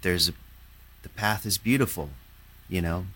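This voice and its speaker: A man, a painter, talking in a halting, reflective way, with many fillers and restarts. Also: sits low, a bit bright, slightly rough. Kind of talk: casual conversation.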